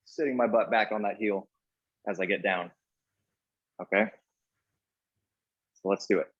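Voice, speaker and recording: A man's voice: lowish voice, a little slow, slightly rough, muffled recording. A man coaching a live workout in an echoey indoor room, giving short cues and counting reps as he exercises along. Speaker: fitness coach leading a workout class.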